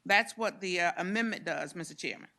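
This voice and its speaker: A woman senator presenting a bill to a committee, reading its provisions in a brisk, steady way. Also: lowish voice. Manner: brisk, reads provisions steadily, stumbles on repeats when challenged. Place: legislative committee room.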